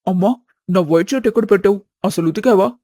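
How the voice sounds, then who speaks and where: Lady doing a low loud grumpy grown son, dry close recording. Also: fast, no echo, lightly acted. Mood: musing. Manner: exasperated, argumentative. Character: grown man, eldest son, easily riled. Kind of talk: storybook voice acting.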